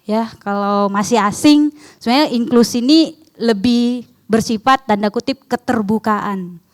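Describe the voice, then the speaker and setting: A woman's voice: on the high side, a little slow. A young woman, a foreigner speaking Indonesian with a foreign accent, presenting research informally and often putting questions to her listeners. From outside Indonesia. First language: not Indonesian.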